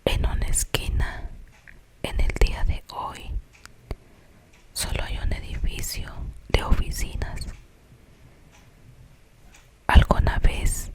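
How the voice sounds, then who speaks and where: Hushed, slow Colombian whisper, suspenseful ASMR storytelling.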